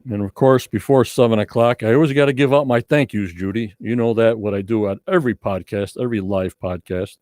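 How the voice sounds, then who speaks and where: A man's voice: on the low side, fairly quick, few pauses, darkish tone, no room sound. A man hosting a live podcast, chatting casually to his online viewers and repeating himself as he goes. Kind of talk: casual livestream chat with viewers.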